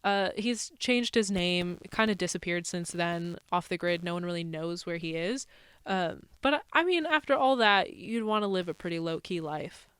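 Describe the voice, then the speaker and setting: A woman's voice: lowish voice, expressive, moderate pace, few pauses, a bit bright, smooth, no echo. A college-age young woman co-hosting a casual true crime podcast, chatty, laughing often and saying "like" a lot. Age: college-age young adult. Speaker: podcast co-host.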